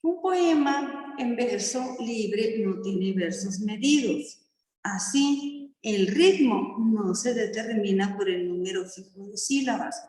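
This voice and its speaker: A woman primary school teacher explaining poetry to her class slowly and patiently, often checking that the children follow. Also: medium pitch, darkish tone. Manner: slow, patient explaining with frequent checking questions. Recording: echoey classroom with long reverb.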